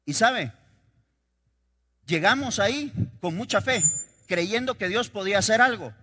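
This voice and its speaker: A male pastor preaching a sermon, swinging between loud declarations and quiet storytelling. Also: high-pitched, animated, measured pace. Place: church sanctuary. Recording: reverberant church hall.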